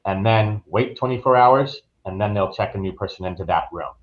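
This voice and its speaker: A man with a lowish voice talks a little fast over lo-fi audio. He's a guest travel professional reviewing a resort, answering interview questions in a loose, conversational way.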